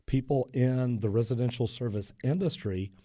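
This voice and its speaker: The speaker is a man who's a plumber guest on a radio talk show, casually chatting and telling stories with animation and gestures. He has a medium-pitched voice and a moderate pace. Studio-quality and dry, the recording comes from an indoor radio studio via a studio boom mic, with him in headphones.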